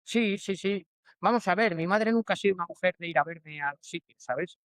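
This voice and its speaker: A man's voice: high voice, a little fast, fairly bright tone, dry recording. A Spanish man in his forties, a guest in a casual interview, answering in a hesitant way with many restarts and fillers. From Spain. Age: 40s. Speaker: bullfighter guest.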